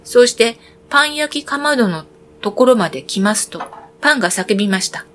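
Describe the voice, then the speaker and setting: A woman reading a fairy tale aloud for children, with clear, expressive storytelling. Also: on the high side, fairly quick.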